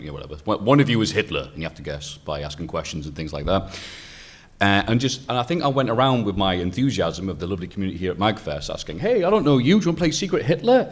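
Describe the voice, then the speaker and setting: A man on a convention panel telling an anecdote, acting out the people he quotes. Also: low-pitched. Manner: laughs through his own story and acts out quoted voices.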